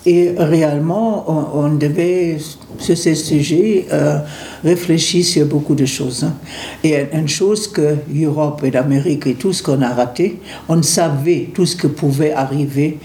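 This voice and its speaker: A man answering radio interview questions in a hesitant way, often pausing and searching for words. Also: a little high, mellow. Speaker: interview guest. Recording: roomy echo with faint background noise.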